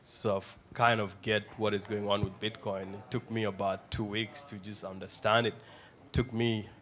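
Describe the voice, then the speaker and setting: A man's voice: fairly low pitch, level tone, moderate pace, fairly bright tone. A man from South Sudan introducing himself on a panel in a plain, matter-of-fact way.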